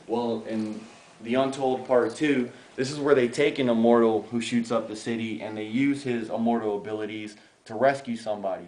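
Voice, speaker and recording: A man's voice: mid-range voice, darkish tone, roomy sound, slight background noise, rough recording. A man in his thirties from the Bronx, a graffiti artist chatting in a casual interview, rambling with many fillers. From the Bronx, New York. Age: 30s. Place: outdoors.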